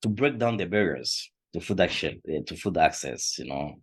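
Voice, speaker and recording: A middle-aged food shelf supervisor from the Democratic Republic of the Congo, not a native English speaker, answers interview questions with many hesitations and restarts. His low-sitting voice is expressive and slightly rough, at a normal speed.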